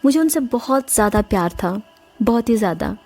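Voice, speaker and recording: A woman's voice: on the high side, lively intonation, a little fast, darkish tone. A woman narrating a first-person horror story in an earnest, emotional way, speaking directly to her listeners. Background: faint music.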